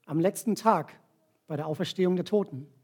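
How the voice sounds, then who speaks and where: This is a sermon with a volunteer demonstration: a man whose voice is husky, fairly high, and a little mellow retells a scripture passage one step at a time as volunteers rise to act it out. He explains slowly and often drops in brief tag questions to check on his listeners.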